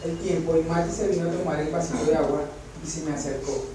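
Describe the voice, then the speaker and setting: Pastor guy, high voice, storytelling sermon, sometimes near-whispers sometimes loud, echoey church. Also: fast talker, a loud crowd. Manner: storytelling, drops to soft near-whispers for emphasis; rises loud and emphatic when preaching. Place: church sanctuary. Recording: echoey hall from far off, noisy.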